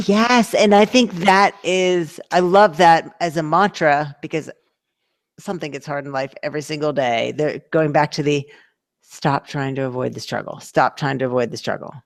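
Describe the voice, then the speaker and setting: A woman's voice: low voice, normal speed. A woman co-hosting a podcast, mostly giving short agreeing replies and then sharing her own view in casual chat. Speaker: podcast co-host.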